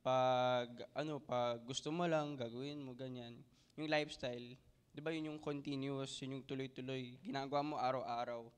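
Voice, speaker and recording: A young man giving a halting, emotional church testimony, tearful and full of fillers. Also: medium pitch, fairly even intonation, clear, resonant tone. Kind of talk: personal testimony.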